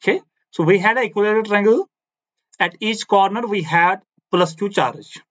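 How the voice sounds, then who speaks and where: Explaining physics at the blackboard, this high-voiced man, a native Kashmiri speaker, walks through each step in plain English at a moderate pace with a somewhat bright tone. Key phrases come back again and again, and he often checks for agreement with a quick "no?" The audio has a faintly muffled, lo-fi quality.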